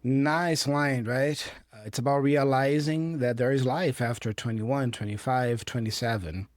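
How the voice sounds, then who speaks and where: An English teacher with a Brazilian Portuguese accent, native in Portuguese, patiently goes over English phrases from a clip for learners, checking in often. His mid-range voice has fairly even intonation and a slightly slow pace. The recording is studio quality with no echo.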